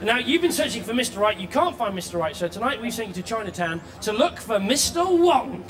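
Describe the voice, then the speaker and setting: A man hosting a live TV game show, excitable and bossy, often shouting instructions. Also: very high voice, brisk. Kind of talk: live studio entertainment hosting. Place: TV studio with audience. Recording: loud crowd and music behind.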